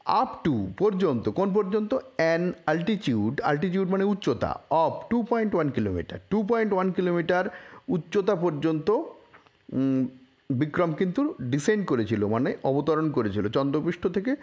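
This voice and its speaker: A man from India explaining a newspaper report line by line, reading English phrases slowly and then explaining them, with frequent fillers and self-corrections. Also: a little high, big pitch swings, a little mellow, slightly rough. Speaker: English teacher.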